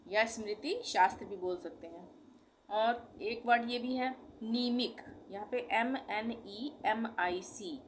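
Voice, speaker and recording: A woman's voice: medium pitch, slight background noise. A woman teaching a language lesson, patiently spelling out words letter by letter and repeating each one.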